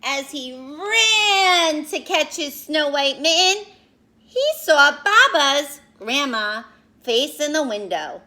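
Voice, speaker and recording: An elementary school teacher reads aloud to her pupils in a high, slow, sing-song voice that sounds pushed and bright. Her expressive children's read-aloud mixes in lesson talk as she explains words and speaks directly to the kids.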